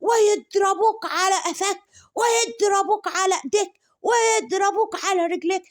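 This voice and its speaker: A woman mimicking a furious middle-aged woman with an Egyptian accent, who makes shrill, drawn-out threats.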